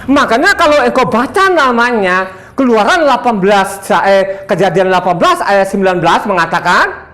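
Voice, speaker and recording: An elderly man in his seventies from Sumba, Indonesia, gives a boastful, combative sermon, laughing a lot and testing his listeners with questions. He speaks at normal speed in a high, expressive, somewhat bright voice.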